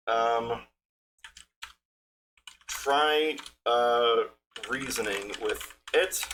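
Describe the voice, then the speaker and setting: A man running a tabletop game as game master for a live chat, narrating casually and haltingly as he improvises aloud. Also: medium pitch, bright, forceful tone, slight background noise, rough recording. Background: music.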